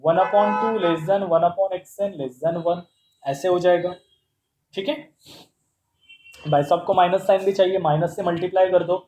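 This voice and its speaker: A man walks through a math lesson, posing questions and answering them himself in a playful way. His voice sits high but mellow. The room is echoey, with a faint hum behind him. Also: steady tone, measured pace, long pauses. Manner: explains step by step with rhetorical questions; playful, calls terms "bhai sahab". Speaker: math teacher.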